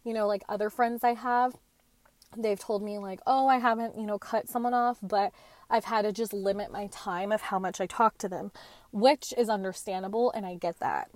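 A woman's voice: mid-range voice, steady tone, normal speed, no echo. Earnest woman in her late twenties. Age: late 20s. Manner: chatty and earnest, with slangy asides. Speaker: podcast host. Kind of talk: casual solo talk.

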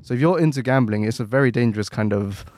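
A man co-hosting a podcast in casual chat, rambling quickly with many restarts and fillers. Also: mid-range voice, darkish tone, no echo. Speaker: podcast co-host.

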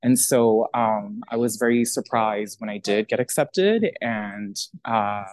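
A man's voice: fairly low pitch, slow pace, a little mellow, no room sound. A young man from Italy, a social worker, speaking as a podcast guest in a thoughtful way with many fillers and restarts. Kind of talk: casual interview talk.

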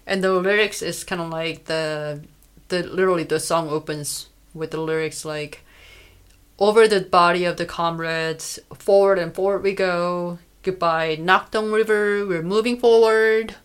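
Chatty woman, lowish voice. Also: steady tone, measured pace, clear, resonant tone. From South Korea. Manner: chatty, many "like" fillers. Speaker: podcast co-host. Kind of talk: casual chat.

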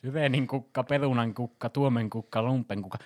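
A man hosting a casual podcast, reading out quiz questions briskly and teasing his guests bluntly. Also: mid-range voice, a little mellow. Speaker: podcast host running a quiz.

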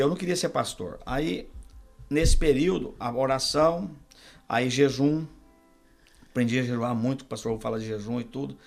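A middle-aged Brazilian man, a pastor and podcast guest, telling his testimony in a relaxed conversation and acting out the dialogue he quotes. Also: mid-range voice, creaky. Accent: Brazilian Portuguese. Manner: storyteller who acts out quoted dialogue. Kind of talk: testimony told in a casual interview.

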